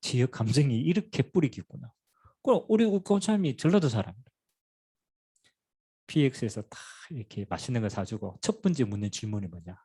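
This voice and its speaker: A middle-aged pastor with a Gyeongsang accent preaches in a husky, slightly breathy voice. His pitch swings widely as he tells stories, and he fires rhetorical questions and light humor at his congregation. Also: expressive, moderate pace, dark tone. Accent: Gyeongsang Korean. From Pohang, South Korea. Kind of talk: sermon.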